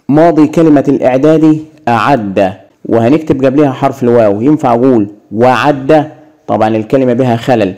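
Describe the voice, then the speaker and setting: Egyptian man teaching with a mellow voice. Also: medium pitch. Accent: Egyptian Arabic. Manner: asks questions and answers them himself. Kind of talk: Arabic grammar lesson.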